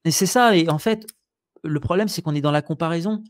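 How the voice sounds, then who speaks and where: A man with a French accent hosts a casual film chat, his voice sitting a little high. He talks in animated bursts, stopping and restarting his sentences as he goes. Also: brisk. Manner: animated, many hesitations and restarts. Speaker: podcast host. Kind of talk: casual chat about films.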